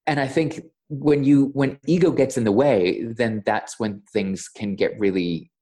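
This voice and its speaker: A man's voice: mid-range voice, fairly even intonation, unhurried, warm tone. A man, a voiceover coach, chatting as a podcast guest and retelling a mishap with lots of stammers and quoted dialogue. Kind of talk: casual interview storytelling.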